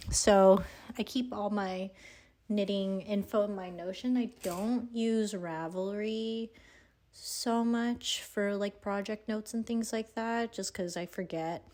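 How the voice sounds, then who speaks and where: A woman's voice: medium pitch, darkish tone. A young woman with a sore throat and slightly grainy voice, chatting casually and a bit hesitantly into a handheld phone in a rambling, informal way. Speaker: vlogger and yarn dyer. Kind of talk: casual chat to camera. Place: indoors in a house under renovation.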